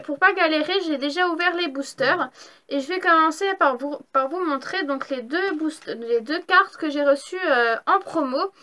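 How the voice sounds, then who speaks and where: A woman's voice: high voice, pushed and bright. A young woman chatting casually as she opens trading card packs, enthusiastic and gushing over each card. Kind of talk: casual unboxing vlog.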